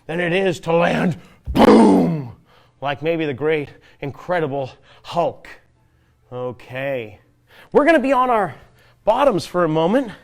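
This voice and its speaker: A man with a notably high voice runs a kids' exercise class. He talks them through each move while doing it himself, cheering them on and asking friendly questions. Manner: encouraging, asks the kids playful questions; demonstrates while moving, narrating his own steps. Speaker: fitness trainer leading a kids' P.E. class. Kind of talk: guided children's exercise class.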